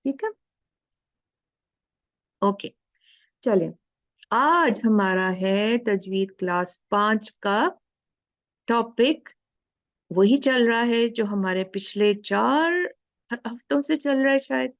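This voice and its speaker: Slow, gravelly woman teaching online. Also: on the high side, dry recording, lo-fi sound. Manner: patient, repeats sounds slowly to demonstrate. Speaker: tajweed teacher.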